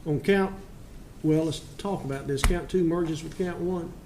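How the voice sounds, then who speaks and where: A man's voice: a little high, unhurried. A man speaking as a judge from the bench, admonishing sternly in plain folksy terms during sentencing. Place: courtroom. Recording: echoey courtroom with faint noise.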